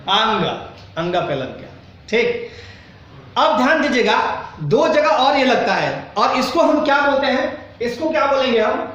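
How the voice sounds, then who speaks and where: A man's voice: very high-pitched, expressive, a little slow, fairly bright tone, heavy reverb, recorded from a distance, dull audio. A male Hindi teacher giving a grammar lesson to a class, asking questions often and acting out students' doubts. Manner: acts out students' doubts in quoted asides.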